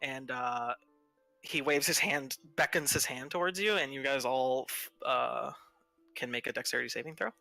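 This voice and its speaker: A man's voice: medium pitch, normal speed, creaky, bright, forceful tone, no echo, faint music behind, low-quality recording. A man narrating a tabletop game as game master in a casual way, with many fillers and asides.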